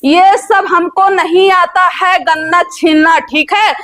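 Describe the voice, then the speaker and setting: A woman plays a young city bride who loves dancing for reels and refuses farm work in a village comedy skit. She talks in a breezy city way, in a high voice. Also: fairly even intonation, slow, fairly bright tone, exaggerated voice. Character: showy young city bride, reel-loving and defiant. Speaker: daughter-in-law in a comedy skit. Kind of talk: rustic comedy skit acting.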